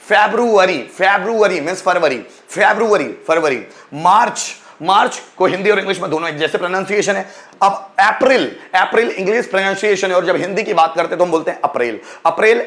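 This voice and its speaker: A man's voice: high voice, fairly bright tone. A man with an Indian accent teaching English words in a lesson, repeating each word and quizzing the listener. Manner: asks quiz questions to the learners. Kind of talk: spoken English lesson in Hindi.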